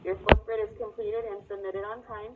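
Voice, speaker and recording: A woman's voice: medium pitch, level tone, moderate pace, heavy background noise. A woman teacher giving an online class, explaining an assignment emphatically and repeating her warnings. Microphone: video call audio. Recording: tinny online call audio.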